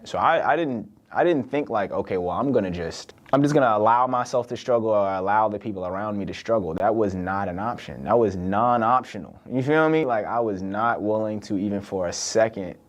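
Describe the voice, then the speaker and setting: Lowish-voiced man musing casually. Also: lively intonation, fairly quick, hardly any pauses. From born in the UK, raised in Virginia. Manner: conversational, loose, with frequent "like" and "right?". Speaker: podcast host. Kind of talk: casual solo monologue.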